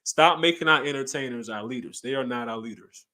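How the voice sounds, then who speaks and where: A man co-hosting a podcast, talking in casual chat with emphatic, animated bursts. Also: medium pitch, brisk. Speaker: podcast co-host.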